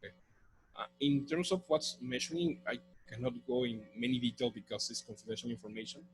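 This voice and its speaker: A man's voice: medium pitch, steady tone, a little fast, poor audio. A man presenting at a conference, answering audience questions in a technical, explanatory way.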